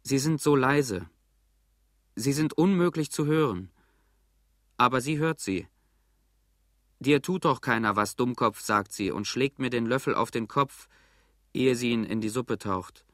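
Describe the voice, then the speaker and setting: A man reading a first-person literary text for an audio drama, in a measured, grave storytelling manner. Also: medium pitch, fairly bright tone, dry recording, clean studio sound. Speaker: narrator.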